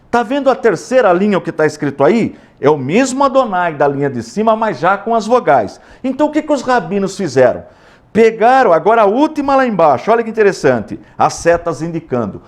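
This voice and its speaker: A man with a Brazilian accent teaching a recorded theology lesson, explaining step by step, repeating key words and asking questions. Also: sits high. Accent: Brazilian Portuguese. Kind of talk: recorded classroom lecture.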